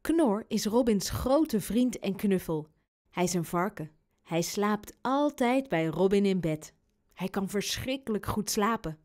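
A woman reading a children's storybook aloud, in an expressive, unhurried storytelling manner. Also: mid-range voice. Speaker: audiobook narrator.

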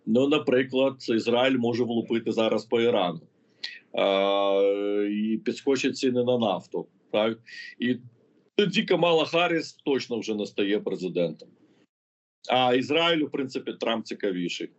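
A man's voice: mid-range voice, normal speed. A man working as a political analyst, answering interview questions in an explanatory way, thinking aloud as he goes. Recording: muffled lo-fi audio.

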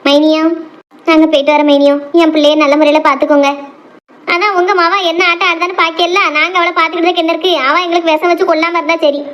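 A sharp-tongued middle-aged village mother from a homemade cartoon, played by a woman. Her voice sits extremely high and piercing. She rattles off complaints at a quick clip. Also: steady tone, lo-fi sound. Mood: scolding. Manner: rapid, chattering, scolding. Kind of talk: cartoon voice acting.

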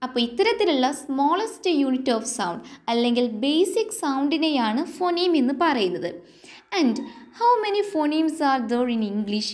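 A woman with a Malayali accent gives an exam-prep lesson in a high, unhurried voice. She reads out definitions slowly and stops to ask the viewer whether it is clear. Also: sing-song. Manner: slow English definitions dictated, then explained; asks the viewer check questions. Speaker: teacher. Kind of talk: exam-prep lecture mixing Malayalam and English.

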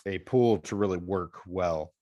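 Man in his forties, congested, low voice, rambling casual podcast chat, dry close sound. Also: unhurried, warm tone, no room sound. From Pacific Northwest. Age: 40s. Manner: rambling, restarts phrases. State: congested from allergies. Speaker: podcast co-host.

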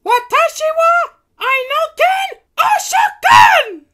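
Very high, proud cat princess. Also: male voice, measured pace, bright, forceful tone, slight background noise, full character voice. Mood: taunting, bold. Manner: theatrical, declaiming. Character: young heroic cat princess, proud and defiant.

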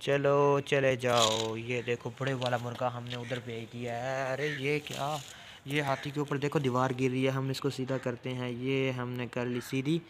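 A man narrating his toy play in an excited, exclamatory way, talking to the toys as if to a child. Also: mid-range voice, moderate pace, noisy background.

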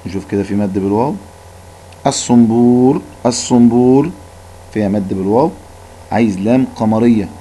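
A man's voice: lowish voice, racing, warm tone, breathy edge, low-quality recording. A male Arabic teacher with an Egyptian Arabic accent giving a recorded lesson, patiently repeating words to drill them.

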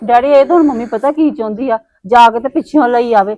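A woman with a high voice who talks fast and pleads in a worked-up, complaining way. The sound is dry and close. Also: mellow, no room sound, muffled recording. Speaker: daughter in family drama. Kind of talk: casual Punjabi family vlog acting.

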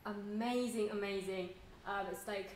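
A woman's voice: medium pitch, fairly even intonation, a little slow. Woman, concert host; chatty, casual delivery, echoey church acoustics, faint noise. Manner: warm, chatty, with fillers. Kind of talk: spoken concert welcome. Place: church hall.

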